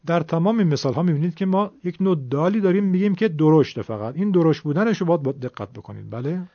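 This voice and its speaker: Male tajweed teacher, patient explainer, slow demonstrations, lo-fi recording. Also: a little high, lively intonation, no room sound. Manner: explains slowly, then demonstrates drawn-out Arabic sounds. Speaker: Quran recitation teacher. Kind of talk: tajweed lesson with recited examples. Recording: dull lo-fi recording.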